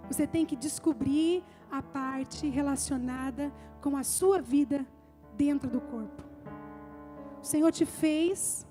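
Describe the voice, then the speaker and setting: A woman's voice: sits high, mellow. A woman pastor preaching a live church sermon, emphatic and building her points through repeated phrases. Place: church service.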